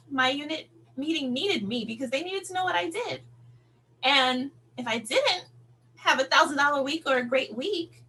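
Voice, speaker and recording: On a team call, a sales director gives an encouraging, conversational and emphatic motivational talk. Her high-pitched voice is bright and forceful, though the low-quality recording carries noticeable background noise and hum.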